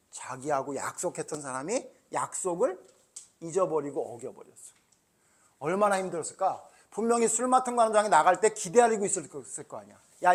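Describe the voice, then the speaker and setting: Pastor questioning children, fairly high voice. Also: male voice. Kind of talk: children's sermon.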